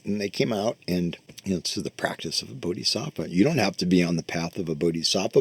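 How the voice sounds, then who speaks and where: A man talks through a Buddhist teaching in a loose, chatty manner, full of fillers and the odd swear word. His voice swings widely in pitch as he leads listeners through breathing. He sits right up close to the microphone, in a dry room with no echo. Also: mellow. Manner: loose, conversational, swears casually, many fillers. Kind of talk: casual dharma talk with guided meditation.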